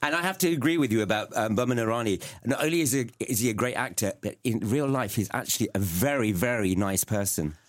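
Steady-voiced male news co-host. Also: medium pitch, quick pace, few pauses. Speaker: radio show co-host. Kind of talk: reading entertainment news.

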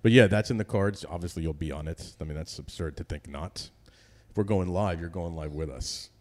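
Deep-voiced middle-aged man, loose and profane. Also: a little fast, darkish tone. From New Jersey. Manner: loose, profane, laughs easily. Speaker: podcast guest. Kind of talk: casual chat.

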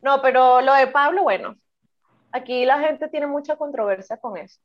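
A woman's voice: sits high, normal speed, lo-fi sound. A Venezuelan woman in her twenties, a podcast co-host telling stories in casual, swearing chat. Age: 20s. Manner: chatty storyteller, swears freely.

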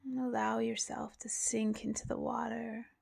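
A woman softly narrating a guided relaxation like a sleep story, half-whispering with long pauses. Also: on the high side, little pitch movement, vocal fry.

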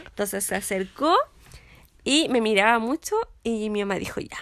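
A woman's voice: medium pitch, expressive, normal speed, a bit bright. A young Chilean woman telling a crude, joking story in casual chat, acting out the voices of people in it. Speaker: podcast co-host.

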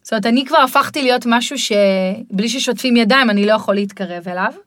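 A middle-aged woman with a fairly high voice talks parents through sibling fights in a podcast conversation. She explains in a lively, engaged way and sometimes slips into children's voices. The sound is dry and close. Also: no echo. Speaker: parenting guide.

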